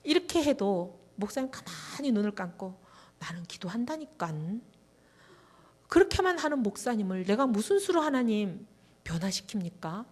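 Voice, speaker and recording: A woman's voice: a little high, moderate pace. A middle-aged woman speaking as a guest at a church revival meeting, telling a testimony and acting out prayers and conversations. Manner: animated storytelling, acting out prayers and dialogue. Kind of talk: testimony sermon.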